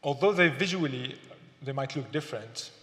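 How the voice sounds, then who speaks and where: A man from Syria giving a thoughtful, halting lecture as an artist, with fillers and repeated words. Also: medium pitch, expressive, a bit bright. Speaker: artist giving a symposium talk. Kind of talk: public lecture. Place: gallery lecture hall. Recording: echoey hall, long reverb.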